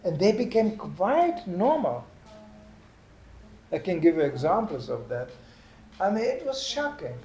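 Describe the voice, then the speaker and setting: An older man preaching in a lively storytelling manner, often adding "you know". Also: high voice, unhurried, pauses often. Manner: lively anecdotal telling with "you know" asides. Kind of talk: storytelling sermon. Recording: echoey room, faint background noise.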